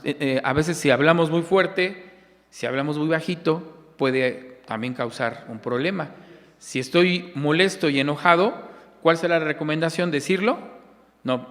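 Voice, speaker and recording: Mexican deacon teaching church class, keeps asking the room then answering, big hall reverb. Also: male voice, fairly high pitch, a bit bright. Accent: Mexican Spanish. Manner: asks the audience questions and answers them himself. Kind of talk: church lesson. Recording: long echo of a church hall.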